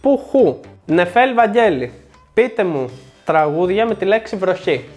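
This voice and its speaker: A man's voice: high voice, sing-song, a little mellow, faint music behind. A young man hosting a board game review show, presenting in a scripted, joking way with sarcastic asides.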